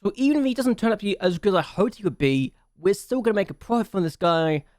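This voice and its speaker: A man's voice: sits high, lively intonation, fast talker, darkish tone, no echo, clean studio sound. A man hosting a game channel, chatting casually through his gameplay, thinking aloud and repeating himself for emphasis.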